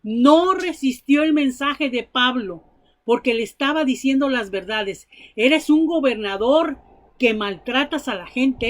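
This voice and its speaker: A woman preacher delivers a sermon, sharing Bible stories and her personal testimony earnestly and emphatically. Her voice sits high.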